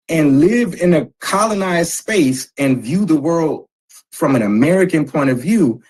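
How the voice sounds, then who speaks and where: A man moderating a casual panel discussion, explaining points in a measured, lecturing way. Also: mid-range voice, breathy edge, poor audio.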